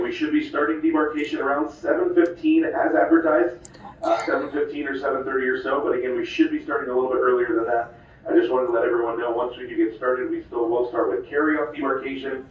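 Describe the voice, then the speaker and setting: A man giving a ship-wide announcement, talking fast and repeating himself to reassure passengers. He sounds far away through a cabin loudspeaker, with heavy echo and faint background hum. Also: mid-range voice, highs cut off. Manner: repetitive, reassuring announcer patter. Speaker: cruise director. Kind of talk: ship public address announcement. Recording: distant echoey ship loudspeaker.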